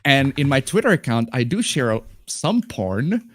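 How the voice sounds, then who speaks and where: A man's voice: medium pitch, big pitch swings, a little slow, fairly bright tone. A man co-hosting a podcast in casual, informal conversation. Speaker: podcast co-host. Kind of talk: casual chat.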